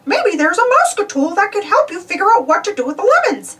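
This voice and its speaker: A woman's voice: very high voice, very animated, brisk, fairly bright tone, distant mic, pitched above the performer's own voice, full character voice. A woman voicing a cheerful, encouraging male cartoon mouse in an upbeat storybook reading. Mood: helpful.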